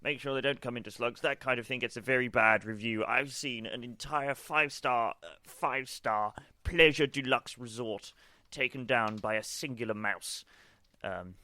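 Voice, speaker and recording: Bright-voiced man role-playing a fussy manager. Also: medium pitch, dry recording. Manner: rambling, laughing mid-sentence. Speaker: player in a tabletop game. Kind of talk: in-character role-play as a station manager.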